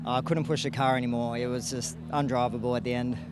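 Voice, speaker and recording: Man, race driver, halting and tired, outdoor interview, loud background noise. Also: medium pitch, flat delivery. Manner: halting, tired answers with fillers.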